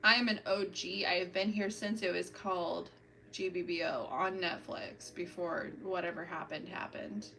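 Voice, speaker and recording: Painting her nails at home on a casual livestream, a woman chats with viewers and talks through each step as she works. Her voice is on the low side, gravelly, pushed and bright, with fairly even intonation at normal speed. She is far from the mic, and the low-quality audio has a little hiss or hum.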